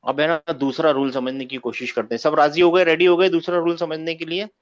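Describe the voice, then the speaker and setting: Male online teacher, slightly high, keeps asking the class for confirmation, lo-fi call sound. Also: flat delivery, a little fast. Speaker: Arabic teacher. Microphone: video call. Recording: muffled lo-fi call audio.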